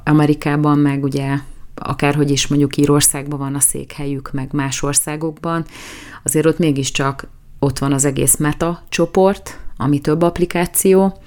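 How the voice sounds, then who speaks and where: A woman's voice: deep voice, fairly even intonation, a little mellow. A woman talking through current affairs as an opinionated commentator, in a conversational tone that often restarts and corrects itself.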